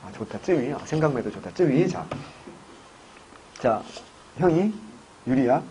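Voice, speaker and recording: A man's voice: mid-range voice, big pitch swings, a little slow, mellow, slight background noise, rough recording. A man teaching history for exam prep, telling jokey stories and firing rhetorical questions at his students. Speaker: history lecturer.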